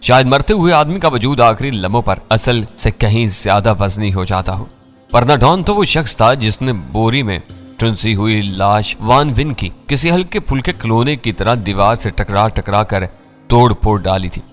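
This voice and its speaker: Man narrating a crime story, lowish voice, soft music underneath. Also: expressive. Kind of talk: scripted first-person thriller narration.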